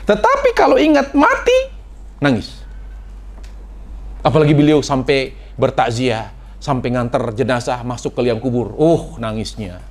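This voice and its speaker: A man preaches to his congregation in a highly animated voice. His pitch leaps up for emphasis, then drops to hushed, near-whispered lines. The delivery is dramatic and theatrical. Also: measured pace. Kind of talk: sermon.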